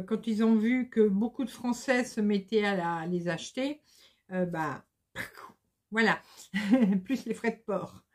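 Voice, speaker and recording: Slow-talking chatty woman vlogger. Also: medium pitch. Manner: chatty, hesitant, many fillers. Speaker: embroidery vlogger. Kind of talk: casual chat to camera.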